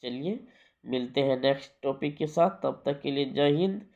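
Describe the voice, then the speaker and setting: A man's voice: medium pitch, normal speed, darkish tone, dull audio. A man teaching a grammar lesson for an exam, repeating key points and asking rhetorical questions.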